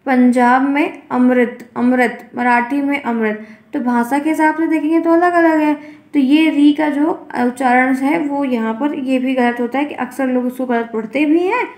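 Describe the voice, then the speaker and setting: High-voiced woman teaching in an echoey room. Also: unhurried, a little mellow. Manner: explains by repeating example words and quizzing the class. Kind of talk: online exam-prep lesson.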